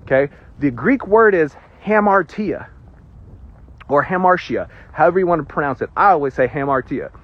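A man preaching a casual sermon, teaching with joking asides and emphatic pauses. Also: fairly high pitch, lively intonation. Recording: dull lo-fi sound.

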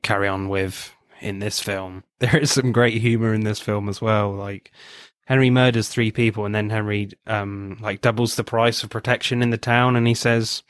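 Relaxed low-voiced man chatting about films. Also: moderate pace, hardly any pauses, clean tone, dry recording, studio quality. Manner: relaxed, laughs often, many fillers. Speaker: film review podcast co-host. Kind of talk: casual chat.

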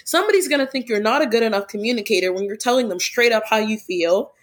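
Young woman podcast host, somewhat high voice, earnest, rambling casual delivery. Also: fast talker. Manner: earnest, lots of "like" fillers. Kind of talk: casual chat.

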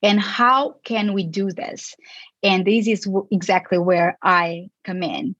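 A woman's voice: medium pitch, fairly even intonation, takes it slowly, a bit bright, no room sound, lo-fi sound. A woman from Portugal, a guest in a casual interview who answers thoughtfully and often restarts her sentences. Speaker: guest, psychologist.

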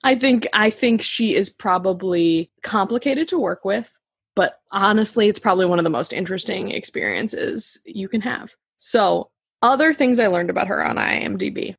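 Woman podcast host, casual chat, giggly and full of fillers, slightly husky tone, dry close mic. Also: mid-range voice, normal speed, no echo. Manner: chatty, giggly, lots of filler words. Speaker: podcast host presenting a book.

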